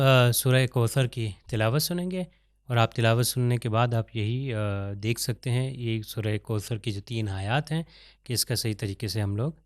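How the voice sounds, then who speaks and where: Man, Quran recitation teacher, smooth resonant voice, dry close sound, slow drawn-out sample verses. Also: mid-range voice, dry recording. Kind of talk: pronunciation lesson over slides.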